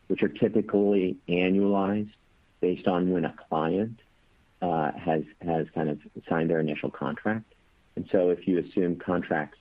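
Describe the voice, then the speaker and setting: A man's voice: low voice, husky, no echo. A company executive on a conference call, with a muffled, boxy sound like he is talking into a trash can, answering analyst questions hesitantly with many fillers and restarts. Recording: dry, tinny phone-line audio.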